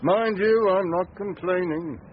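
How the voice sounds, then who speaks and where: Longyon, glum hard done-by inspector. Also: male voice, high-pitched, measured pace. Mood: resigned, aggrieved. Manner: resigned, faintly aggrieved. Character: glum, hard done-by male district police inspector, thorough. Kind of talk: BBC radio drama acting. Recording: muffled, noisy old radio broadcast.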